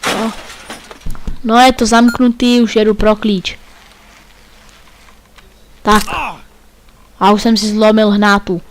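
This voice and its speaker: A man's voice: sits high, little pitch movement, long pauses, slight background noise. A man giving playful, joking commentary while playing a video game. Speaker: let's play gamer.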